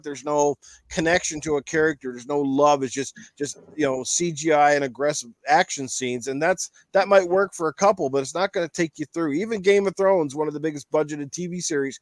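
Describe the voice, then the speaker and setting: A podcast panel host with a slightly high voice, recorded dry, offers meandering opinions on games and films in a casual chat. He drives his points home through emphatic repetition.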